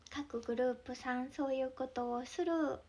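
A young woman with a Mie dialect accent, chatting casually on a livestream, giggling often and sometimes dropping into soft whispers. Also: high voice, fairly even intonation, normal speed. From Mie Prefecture, Japan. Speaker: idol livestreamer.

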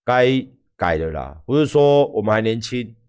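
A man in his forties with a Taiwanese accent, ranting loudly and profanely to viewers on a livestream. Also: mid-range voice, moderate pace, clean tone. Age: 40s. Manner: loud, profane, animated. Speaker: livestream host.

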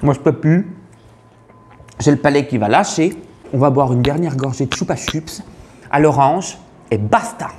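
A man's voice: medium pitch, moderate pace, long pauses, darkish tone, a little hiss or hum, close to an everyday voice. A man playing a brash, crude female farmer with a Burgundian accent in a comic sketch. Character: brash middle-aged female farmer from the countryside. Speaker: taste-tester.

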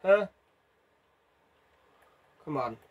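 Heard through narrow, tinny audio, a man drawls out his words as he plays a driving game. He's a gaming video host giving frantic, self-deprecating live commentary.

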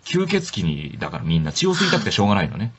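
A man hosting a radio talk show, excitedly retelling scenes and acting out characters' lines in casual chat. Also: sits low, rapid-fire. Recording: dull radio broadcast with background noise.

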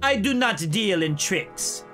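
A man putting on a slow Jamaican mystic woman. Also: high-pitched, animated, sharp tone, soft background music, heavily acted. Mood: mysterious. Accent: put-on Jamaican. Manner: slow, drawn-out prophetic delivery. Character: slow mystic fortune-teller woman, ominous.

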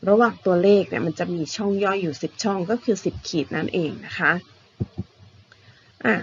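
A woman's voice: medium pitch, normal speed, dull audio, slight background noise. A woman teacher giving a patient, repetitive math lesson to young primary school pupils, often ending her phrases with polite particles.

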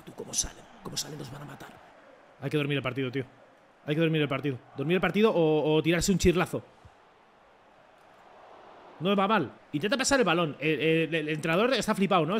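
A young man from Spain, commentating his own football game run with excited swearing and rants. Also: fairly high pitch, slight background noise. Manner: excitable, swears a lot, talks to the referee and coach. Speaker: gaming streamer. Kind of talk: live gameplay commentary.

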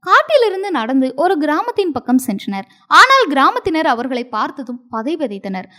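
A woman narrating a story in an expressive, dramatic storybook style. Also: high voice, normal speed.

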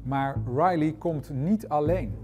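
A middle-aged man presenting a documentary in clear, steady scripted narration. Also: a little high, takes it slowly, soft background music.

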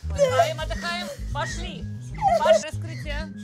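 A woman's voice: very high voice, big pitch swings, moderate pace, heavily acted. An actress playing a midwife urgently coaching a woman through birth. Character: bossy coaching female midwife. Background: loud music.

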